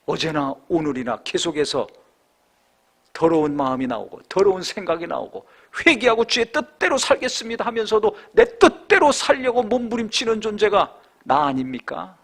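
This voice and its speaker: A male pastor preaching a sermon with rhetorical questions, swinging between raised exhortation and hushed reflection. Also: high voice.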